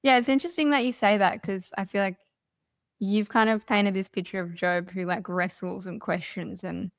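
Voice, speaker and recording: A woman's voice: mid-range voice, fairly even intonation, moderate pace, no room sound, clean studio sound. A woman hosting a podcast, asking questions in a conversational, thoughtful way. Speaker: podcast host. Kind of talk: podcast interview.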